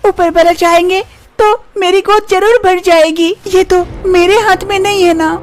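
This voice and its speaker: A very high, girlish voice plays a worried young wife, acted by a woman. She pleads and frets in this animated story. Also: moderate pace, no room sound, faint music behind. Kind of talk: storybook voice acting.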